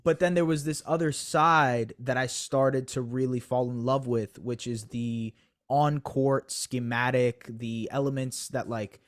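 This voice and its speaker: A man's voice: medium pitch, steady tone, a little slow. Young guy on a podcast, chatty and self-deprecating, lots of "like" and "you know". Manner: thoughtful, self-deprecating, lots of fillers and restarts. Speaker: basketball analyst guest. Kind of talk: conversational podcast interview.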